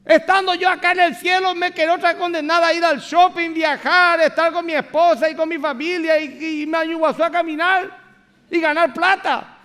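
A man's voice: extremely high pitch, fairly even intonation, normal speed, sharp tone, pitched above the performer's own voice. Lazarus, a preacher playing a begging dead man. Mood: pleading. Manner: pleading, whiny, comic protest. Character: Lazarus, a dead man content in heaven, begging not to return.

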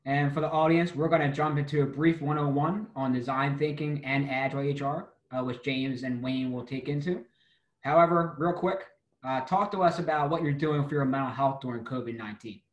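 A man's voice: medium pitch, steady tone, a little fast, reverberant, highs cut off. A man hosting and moderating a panel discussion over a video call, in a friendly, conversational way. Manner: upbeat, conversational. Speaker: webinar host.

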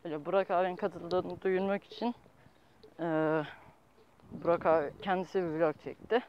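Young man, high voice, halting rambling casual vlog, dull phone sound, light street noise. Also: fairly even intonation. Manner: halting, rambling, self-correcting in fragments. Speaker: vlogger. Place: outdoors, walking on city streets. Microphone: handheld phone at arm's length.

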